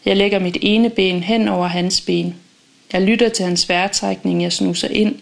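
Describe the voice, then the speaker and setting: A woman reading a first-person audiobook in a calm, measured, intimate way. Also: medium pitch, creaky. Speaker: audiobook narrator.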